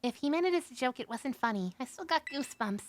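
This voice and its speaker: A man's voice: very high voice, lively intonation, fast, slight background noise, voice pushed up. A man voicing an anxious, easily spooked teenage student in a video game, with an uneasy, questioning delivery. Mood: uneasy, startled.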